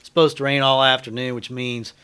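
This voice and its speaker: An American man co-hosting a sports radio show, chatting casually in a halting way and repeating himself. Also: mid-range voice, flat delivery, bright, forceful tone, smooth. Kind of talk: casual chat. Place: radio studio.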